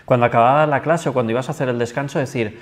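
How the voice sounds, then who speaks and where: A man talking fast in a mid-range voice, a coach who chats through his points on a panel talk show. He explains with quick asides and corrections as he goes. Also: medium pitch. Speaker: coach and trainer.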